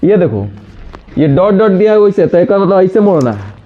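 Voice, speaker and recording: Scolding teacher. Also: male voice, high-pitched, sing-song. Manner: scolding, brisk, addresses students directly. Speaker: reasoning teacher. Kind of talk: classroom lecture. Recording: dull lo-fi sound.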